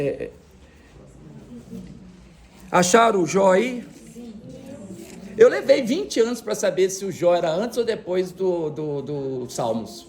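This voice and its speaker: A male pastor preaches to his church in a loose, joking way and teases people in the pews. His voice sits high and swings up and down a lot. A gravelly rasp runs through it. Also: a little mellow. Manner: joking, chatty, teasing the congregation. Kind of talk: sermon. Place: church service.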